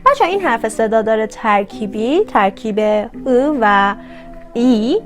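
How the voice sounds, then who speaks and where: A young woman with a fairly high voice and an Iranian Persian accent leads a language lesson. She explains patiently and repeats each sound slowly for her students. Soft music plays faintly underneath. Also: lively intonation. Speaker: Korean language teacher.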